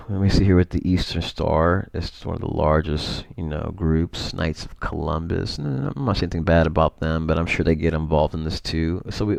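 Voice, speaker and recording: Low gravelly man rambling over a screen share. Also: a little mellow, no room sound. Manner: rambling, frequent fillers and self-corrections. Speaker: vlogger. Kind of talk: casual screen-share commentary. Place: home.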